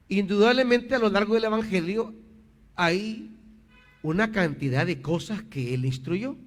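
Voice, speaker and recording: A male pastor preaching a sermon in church over a microphone, hammering his points home by repeating key phrases. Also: high-pitched. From El Salvador. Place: church sanctuary. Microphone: handheld or stand microphone on a PA system.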